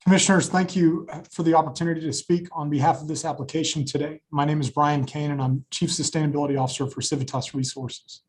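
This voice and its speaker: A man, a company executive, reads a measured, formal prepared statement to a public hearing, heard over a group video-call connection. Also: on the high side, steady tone, breathy edge.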